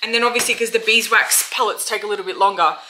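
Here a chatty, bright-voiced Australian woman in the mid-range talks fast, thinking out loud as she works through a relaxed how-to vlog. She runs a small soap business and vlogs from her compact indoor home workshop. Audio quality is poor, and dishes and pots clatter audibly over clear background noise.

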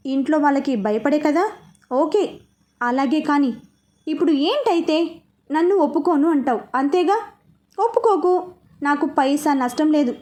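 A cocky young mafia hero voiced by a woman narrator teases with calm confidence. Her voice stays high and bright above the storybook telling. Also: measured pace, long pauses. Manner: cocky, teasing.

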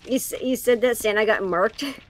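A woman's voice: a little high, moderate pace. A woman co-player chatting casually and playfully while gaming.

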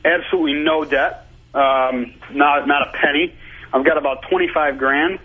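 A man's voice: a little high, steady tone, normal speed, breathy edge. A man in his twenties calling in to a radio show, sounding like he is on speakerphone, talking casually and hesitantly with lots of restarts. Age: 20s. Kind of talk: call-in radio chat. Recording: tinny phone line.

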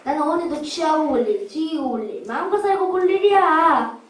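For a children's puppet play, a woman performs a pompous, blustering rich old villain in a very high, theatrical voice that is expressive and fairly quick. He sounds gloating and scornful. The recording is roomy and distant, with background hiss.

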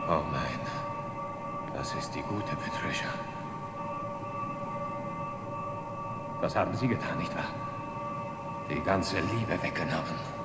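Impassioned, wide-swinging desperate husband. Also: male voice, low-pitched, lively intonation, a little slow. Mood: accusing. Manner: impassioned, emphatic. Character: desperate, defiant husband fighting for his family. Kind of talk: dubbed horror film acting. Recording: echoey hall, film music behind.

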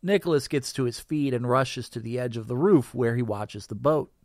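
A man narrating his story in first person, in a weary, slow audiobook reading. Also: no room sound, clean studio sound. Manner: slow, weary, lively pitch.

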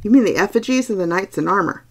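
A woman voicing a young gentleman painter, an earnest husband who questions insistently. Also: medium pitch, animated, quick pace. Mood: curious. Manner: pressing, questioning delivery.

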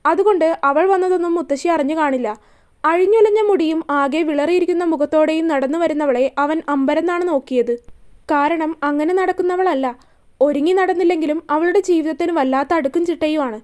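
A woman storyteller reading a serial romance story aloud in a steady, even way. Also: high-pitched, a little fast.

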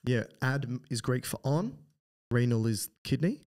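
A man's voice: mid-range voice, animated, moderate pace, darkish tone. An Australian man co-hosting a medical podcast, explaining in a playful, casual way with vivid examples. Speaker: podcast co-host, doctor. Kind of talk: casual educational chat.

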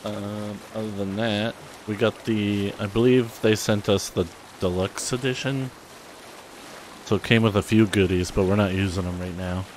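A man's voice: on the low side, steady tone, moderate pace, a little hiss or hum. A man giving laid-back, rambling commentary while playing a video game. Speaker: let's play host. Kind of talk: casual gameplay commentary.

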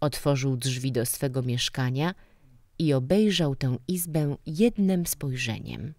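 Low-voiced, slow woman narrating a book. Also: lively intonation, dark tone, no echo, studio quality. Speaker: audiobook narrator. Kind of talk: scripted audiobook narration.

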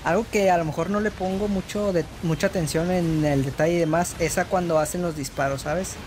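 A gamer giving casual let's play commentary, excitable and swearing often, with sudden short outbursts. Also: medium pitch, brisk, noisy background. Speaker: gameplay commentator.

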